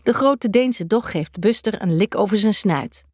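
A woman's voice: medium pitch, a little slow, a little mellow, husky, no echo, clean studio sound. Woman reading a children's story. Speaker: narrator.

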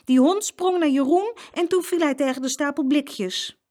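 A woman's voice: sits high, moderate pace, a little mellow, pitched above the performer's own voice, close to an everyday voice. A woman voicing a cautious young girl, one of a pair of twins, in a children's story. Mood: earnest. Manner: warning, earnest.

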